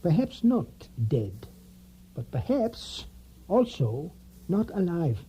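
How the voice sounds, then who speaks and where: Van Helsing, high-voiced grave old professor. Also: male voice, big pitch swings, dark tone, a little hiss or hum, full character voice, low-quality recording. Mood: insistent. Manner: measured, formal, oddly phrased foreign-style English. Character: elderly, grave, insistent male professor and vampire hunter. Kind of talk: audio drama acting.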